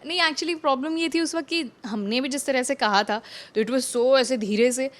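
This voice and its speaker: A woman's voice: high-pitched, moderate pace. A young actress in a casual interview, chatting freely and mixing English phrases into her talk with frequent restarts. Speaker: actress guest.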